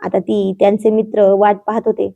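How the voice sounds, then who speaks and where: A woman narrating a romantic story in a gentle, even storytelling manner. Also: mid-range voice, fairly quick, vocal fry.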